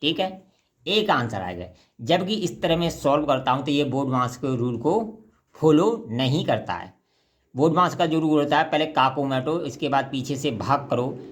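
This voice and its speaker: A man's voice: a little high, lively intonation, moderate pace. A man from India, teaching a math problem patiently and step by step. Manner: patient, step-by-step, often says "ठीक है" and "देखिए".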